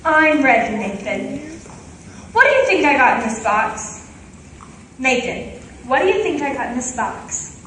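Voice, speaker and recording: A woman's voice: high voice, sing-song, unhurried, pauses often, slight background noise, full character voice. A teenage girl playing a long-engaged showgirl fiancée with a cold, whiny and comic, on a school stage with a band. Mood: pleading. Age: teens. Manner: comic, whiny, sings a patter number. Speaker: student actor in school musical. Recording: echoey auditorium from far off, loud band.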